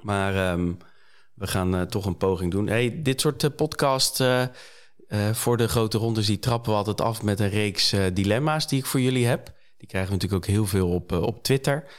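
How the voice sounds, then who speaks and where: A man's voice: lowish voice, normal speed. A Dutch man hosting a casual podcast, talking with many fillers and restarts. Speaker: podcast host.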